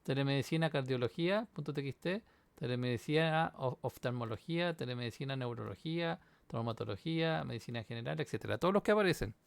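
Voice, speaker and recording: Man, coding tutorial, gravelly, smooth close dry mic, keyboard typing. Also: medium pitch, animated, fast, no echo. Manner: explains step by step, checks in with "¿sí?". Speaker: university instructor. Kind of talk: screen-recorded coding walkthrough.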